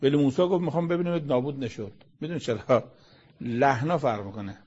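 Male religious lecturer, husky timbre, conversational sermon, rhetorical questions, dull lo-fi recording. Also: medium pitch, lively intonation, darkish tone. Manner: rhetorical questions, reciting Arabic verses then explaining them. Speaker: religious lecturer explaining Quran verses.

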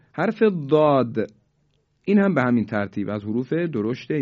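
A man teaching tajweed. He explains each rule quickly, then recites the examples slowly and drawn out. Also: mid-range voice, a little mellow. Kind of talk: tajweed lesson. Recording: dull lo-fi recording.

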